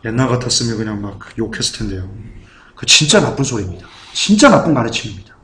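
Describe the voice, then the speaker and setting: A man's voice: medium pitch, very animated, quick pace, crowd noise. A man preaching a fervent sermon as pastor. He keeps asking the congregation questions. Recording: echoey hall.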